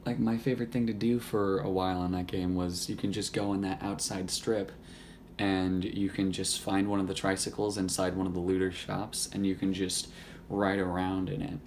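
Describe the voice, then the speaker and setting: Young male YouTuber, hoarse with little voice left, low-pitched, loose and profane, slight room hum behind. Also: level tone, normal speed, a little mellow. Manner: rambling, profane and joking. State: hoarse, voice nearly gone. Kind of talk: casual gaming chat to camera.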